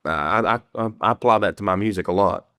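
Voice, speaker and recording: Man, Appalachian Kentucky country accent, deep smooth voice, folksy and plainspoken, casual interview chat. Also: brisk, fairly bright tone, no room sound, clean studio sound. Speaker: country singer-songwriter, interview guest.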